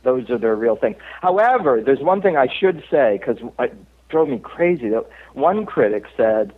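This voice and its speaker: A man in middle pitch, an actor guest on an interview show, chats and tells stories with plenty of laughter and fillers. His voice comes over a thin, phone-like line. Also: lively intonation, normal speed. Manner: chatty storyteller, laughs often, many fillers. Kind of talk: casual interview chat.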